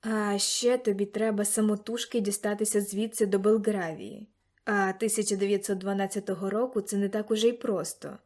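A woman reading an excitable old grandfather. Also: mid-range voice, brisk, lightly acted. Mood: pondering. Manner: bursts into loud excited exclamations. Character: eager old grandfather, excitable time-travel scientist. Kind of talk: audiobook character reading.

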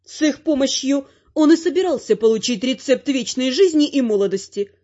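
A woman with a high voice reads a first-person fantasy audiobook with a wry, ironic edge. The recording sounds somewhat dull and lo-fi. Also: animated, moderate pace, mellow. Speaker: audiobook narrator.

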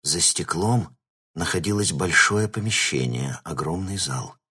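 A man reading an audiobook in steady, scripted narration. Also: sits low, unhurried, slightly rough. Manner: steady storytelling.

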